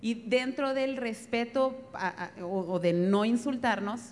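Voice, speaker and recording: A woman's voice: fairly high pitch, a little slow. A woman with a northern Mexican accent giving a live talk on marriage, telling stories with a laugh. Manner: lively, laughing storytelling. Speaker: speaker on marriage, wife. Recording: reverberant hall, faint background noise.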